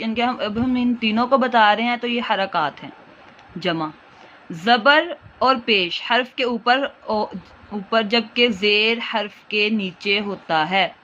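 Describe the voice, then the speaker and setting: A woman teaching Quran reading, speaking with a Pakistani Urdu accent and patiently drawing out each syllable in slow drills. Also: on the high side, fairly bright tone. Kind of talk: slow instructional recitation lesson. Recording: dull lo-fi audio, faint hiss.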